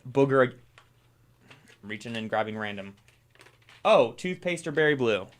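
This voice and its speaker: Man with mid-pitched voice, dry casual banter. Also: animated, normal speed. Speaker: podcast co-host. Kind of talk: casual chat, joking banter.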